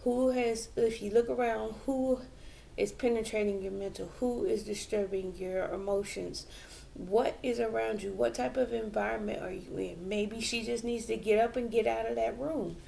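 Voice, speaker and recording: Female tarot reader, unhurried and musing, heavy vocal fry, faint background hiss. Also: fairly high pitch, steady tone, dark tone. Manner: slow and reflective, with many fillers and restarts. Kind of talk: tarot reading for viewers.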